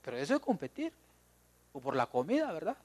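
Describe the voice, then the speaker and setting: A man preaching in a Guatemalan Spanish accent, his pitch leaping up and dropping low as he jokes with the congregation. His voice sits a bit high for a man, and he keeps calling his listeners brother. It is a lively church sermon. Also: brisk. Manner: lively, joking, talks straight to the congregation.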